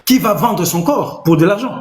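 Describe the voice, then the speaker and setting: A man, a preacher, arguing insistently and loudly in a heated debate, reading scripture aloud. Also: high voice, expressive, moderate pace, reverberant, slight background noise.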